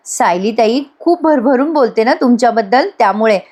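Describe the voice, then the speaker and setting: A woman's voice: a little high, animated, normal speed, a little mellow. A woman voicing an eager, polite young woman offering to help as a nanny.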